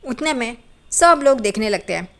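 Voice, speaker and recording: A woman narrating a recap of a television serial in a plain, steady manner. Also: on the high side, moderate pace. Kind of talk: storytelling recap.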